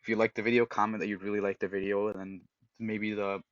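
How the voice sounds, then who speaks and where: Man, low voice, podcast co-host, animated advice, dry dull audio. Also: fast, dry recording. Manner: animated, giving direct advice, acts out example voices. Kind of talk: casual podcast chat.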